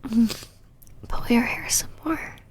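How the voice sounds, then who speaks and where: In an ASMR roleplay, a woman plays a possessive, teasing, domineering female vampire knight, speaking mostly in a breathy whisper with a commanding manner. Her delivery is slow and close to an everyday voice.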